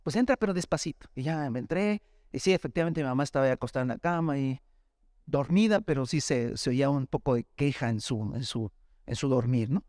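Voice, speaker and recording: Here the Mexican-accented pastor's voice sits mid-range and a little fast, with a darkish tone. He shares his testimony as a sermon in a chatty, story-driven way, frequently saying "brother," captured in a dry, clean studio recording.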